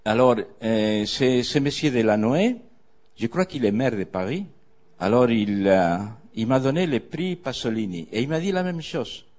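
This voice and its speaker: A man's voice: mid-range voice, animated, moderate pace, a little mellow. Older man telling wry stage anecdotes. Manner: meandering, wry anecdotes with hesitations. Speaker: guest speaker. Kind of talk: storytelling on stage. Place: theatre, before an audience.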